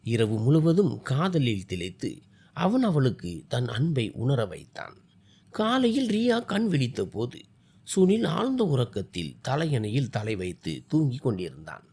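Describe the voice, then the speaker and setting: A man tells a family story in an expressive, dramatic reading. His voice is dark and husky and sits a little high, and his pitch moves about freely. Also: a little slow. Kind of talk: scripted story narration.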